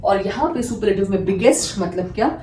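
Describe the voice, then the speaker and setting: A woman's voice: mid-range voice, lively intonation, fairly quick, dark tone, a little hiss or hum. A woman teaching a grammar lesson, patiently asking and answering her own questions and repeating examples. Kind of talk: classroom-style grammar lesson. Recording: echoey room, mic at a distance, faint music.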